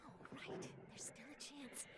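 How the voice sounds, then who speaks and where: A woman's voice: measured pace, lightly acted. A woman playing an eager, nosy young newspaper journalist, chirpy and dramatic, in an anime-style video game. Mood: disappointed, hopeful. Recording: game music behind voice.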